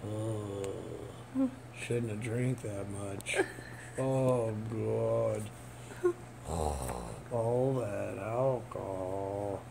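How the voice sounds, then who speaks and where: A man's voice: lowish voice, extremely slow, gravelly. A man chatting casually and cooing to pets in a home video, sometimes swearing. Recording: noisy amateur home-video sound.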